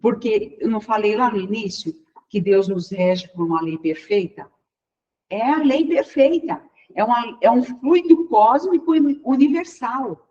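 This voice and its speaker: A woman with a Brazilian Portuguese accent gives a relaxed spiritual lecture, speaking directly to her listeners. She slips into bits of acted dialogue. The recording is slightly dull and lo-fi. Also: on the high side, unhurried. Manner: chatty, acts out everyday dialogue and addresses the audience directly.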